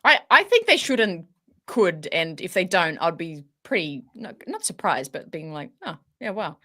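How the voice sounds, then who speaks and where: A woman's voice: lowish voice, very animated, moderate pace, sharp tone. An Australian woman co-hosting a fan talk show, chatting casually in an informal, slangy and enthusiastic way. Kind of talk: casual chat.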